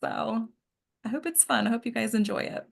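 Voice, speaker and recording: Waiting on participants, a woman running a table read chats casually and trails off to check who has joined. Her voice is fairly high and creaky, and she talks fairly quickly.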